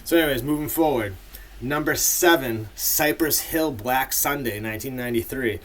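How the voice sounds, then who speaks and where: A man's voice: mid-range voice, normal speed, fairly bright tone, slight background noise. A man in a casual, rambling monologue full of fillers, giving his opinions as the host of a ranking video.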